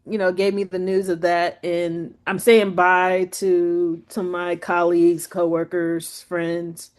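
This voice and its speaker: A woman guest on an interview show, telling her story in a casual, chatty way, peppered with "like" and "you know". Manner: acts out quoted speech with lively pitch jumps. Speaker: guest photographer.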